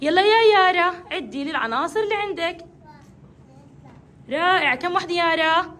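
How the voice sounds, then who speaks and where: A woman's voice: very high voice, expressive, brisk, fairly bright tone. A woman teaching a classroom of young children to count, coaxing and praising each child in turn. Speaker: kindergarten teacher.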